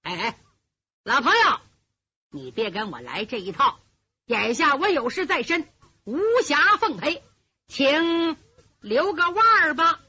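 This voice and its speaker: A woman's voice: sits high, big pitch swings, a little slow, pauses often, bright, forceful tone, full character voice. A woman storyteller voicing an arrogant young bandit who talks boastfully. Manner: boastful, later panicky. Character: arrogant bandit villain, young man, whip fighter. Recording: dull lo-fi recording.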